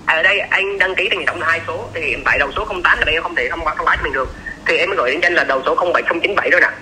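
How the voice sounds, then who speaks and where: A man's voice: a little high, very fast, bright, forceful tone, slight background noise. A man talking over the phone like a customer-service agent, polite but insistent and repeating himself, on a recorded call. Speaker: caller posing as bank support staff.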